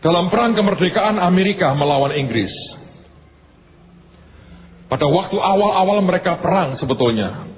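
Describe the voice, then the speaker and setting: A man preaching in a high, very lively voice, his Javanese-inflected Indonesian accent clear as he leaps between exclaiming and low asides. The sound is thin and phone-like, with a faint hiss underneath. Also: normal speed, long pauses. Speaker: pastor. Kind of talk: sermon.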